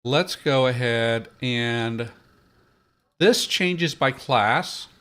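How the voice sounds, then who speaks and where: A man at a middle pitch speaks at an unhurried, deliberate pace. He thinks aloud, trailing off and restarting as he weighs options for the language he is building. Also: a bit bright, smooth. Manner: slow, hesitant, many fillers and restarts. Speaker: podcast host.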